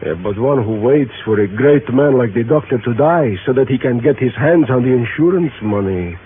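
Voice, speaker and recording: An actor playing a self-important, evasive scientist with formal, grandiose phrasing in a 1950s radio drama. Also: male voice, medium pitch, expressive, moderate pace, natural voice. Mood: guarded, smug. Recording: muffled, noisy 1950s radio recording.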